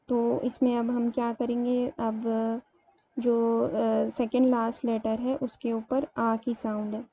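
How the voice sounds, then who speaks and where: Brief: woman teacher, patient step-by-step explainer, higher voice, narrow flat intonation, dull lo-fi recording. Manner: explains step by step, slows to spell out words. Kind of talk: grammar lesson. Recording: dull lo-fi sound, faint room noise.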